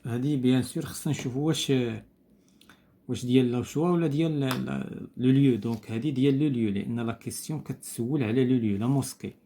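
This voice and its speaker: A man with a Moroccan Arabic accent, teaching as he works through a French textbook exercise. He talks patiently, repeating each word and pausing on hesitant fillers. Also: mid-range voice, mellow.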